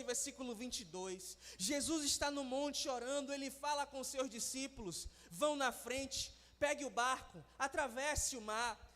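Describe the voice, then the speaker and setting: A man preaching a sermon with fervour, his voice swelling into shouts and sung phrases. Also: extremely high pitch. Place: church. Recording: reverberant church hall.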